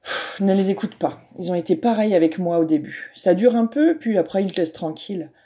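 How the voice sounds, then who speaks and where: A woman's voice: mid-range voice, fairly quick, natural voice. A woman voicing a small, skinny, chatty schoolboy in a read-aloud storybook. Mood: reassuring. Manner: lively, chatty.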